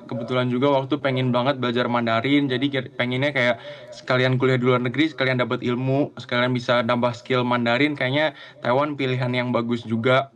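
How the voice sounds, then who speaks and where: A young man from Central Java talking as a guest on a remote call, friendly and a little hesitant, with many fillers. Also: medium pitch. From Central Java, Indonesia. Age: young adult. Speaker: guest, student abroad. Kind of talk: casual chat over a video call.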